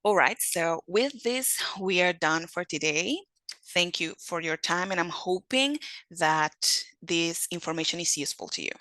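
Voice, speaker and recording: Slow, methodical woman teaching phonetics. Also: fairly low pitch, sharp tone, no room sound, rough recording. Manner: slow, methodical, repeats example words. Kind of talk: lecture.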